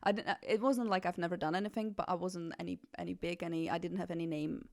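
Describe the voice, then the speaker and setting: With a fairly low, creaky voice and a fast delivery, a twenty-something fashion journalist from the Czech Republic hosts a podcast. Her talk is casual and animated, full of self-corrections.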